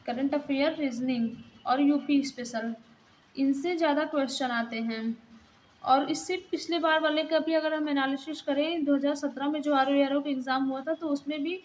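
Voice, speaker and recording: A woman's voice: high voice, fairly even intonation, moderate pace, a little hiss or hum, rough recording. A young woman giving a casual exam-prep lesson, explaining plainly while pointing things out in a book.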